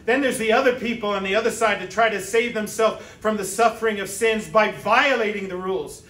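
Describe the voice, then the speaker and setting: High, bright-voiced preacher in an echoey church. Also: male voice, brisk. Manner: conversational preaching with rhetorical asides. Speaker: pastor. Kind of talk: sermon. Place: church sanctuary. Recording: echoey church sanctuary from a distance.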